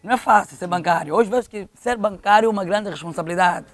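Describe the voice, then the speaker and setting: Here a local football official, a middle-aged man with an Angolan accent, talks as an interview guest in a high-pitched voice at a quick pace. He recounts stories conversationally, repeating phrases for emphasis.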